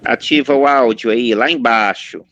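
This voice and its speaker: A man on a video call quickly giving instructions to a classmate about sharing her screen. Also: medium pitch, a bit bright, muffled recording. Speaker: classmate helping with tech. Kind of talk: casual online class talk.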